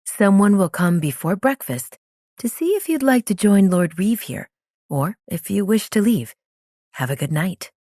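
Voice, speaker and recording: A courteous witch attendant from a storybook, her voice lifted high and swinging through a lively range, as a male narrator puts her on. She speaks with formal politeness, warm and mellow in tone, over a dry close studio read. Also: measured pace, no echo, heavily acted. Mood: polite.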